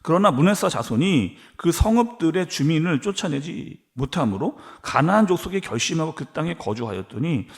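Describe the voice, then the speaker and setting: A man's voice: a little high, moderate pace, creaky, few pauses. A man pastor preaching an early-morning sermon, acting out complaints and rising to emphatic peaks. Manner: expressive preaching, acts out quoted complaints. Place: church sanctuary.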